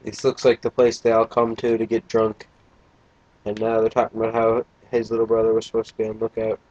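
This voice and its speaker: A man's voice: fairly low pitch, monotone, brisk, a little mellow, no echo, muffled recording. A young man casually commentating a video game, tired and yawning, with a crude, joking, rambling manner. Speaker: let's play gamer.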